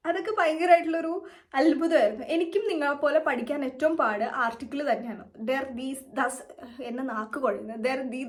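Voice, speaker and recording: Fast-talking young Malayali woman vlogger. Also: high-pitched. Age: young adult. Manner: chatty, rambling, mixes English words in. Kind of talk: casual storytelling to camera.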